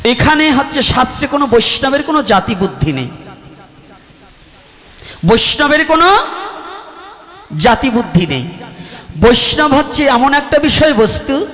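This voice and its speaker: A man's voice: extremely high pitch, very animated, measured pace, pauses often, long reverb tail. A man with a Bangladeshi Bengali accent preaching a devotional sermon, telling a story dramatically and leading the chanting. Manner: dramatic storytelling, sings and chants, leads call-and-response. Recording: music loudly behind, tabla.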